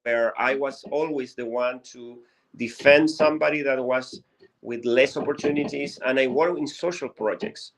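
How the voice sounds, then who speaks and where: A man's voice: mid-range voice, moderate pace, rough recording. Chilean guy, spanish his first language, telling his story in accented english, sincere, hunts for words sometimes. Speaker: guest. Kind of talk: interview storytelling.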